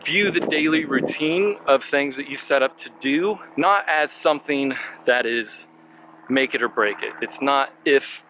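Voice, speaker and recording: A man's voice: mid-range voice, a little slow, background noise. A man giving earnest, encouraging motivational advice while outdoors on a bike trail, slightly out of breath. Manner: earnest, encouraging, asks viewers questions. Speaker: marketing vlogger. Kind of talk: motivational talk to camera.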